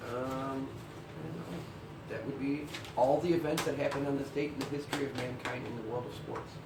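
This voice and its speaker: A man reads out mock news with a dry, deadpan delivery and plenty of swearing. He sits back from the mic in a roomy space, with a faint hiss behind him. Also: medium pitch, moderate pace, recorded from a distance. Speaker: comedy news co-host. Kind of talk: deadpan comedic news segment.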